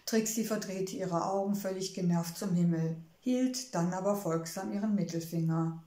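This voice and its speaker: Woman storybook narrator, calm and measured, mellow tone, roomy echo. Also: lowish voice. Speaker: audiobook narrator.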